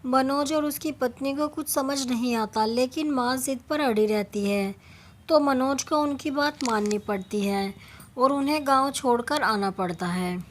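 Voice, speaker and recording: A woman calmly reading out an emotional family moral story. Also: high voice, a little slow.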